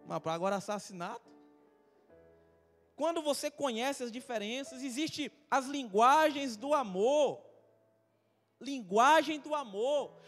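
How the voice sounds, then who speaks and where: A man's voice: very high-pitched, in a large hall. A man with a Brazilian accent, a pastor giving a chatty, humorous sermon full of personal stories and questions to the congregation. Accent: Brazilian Portuguese. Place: church hall.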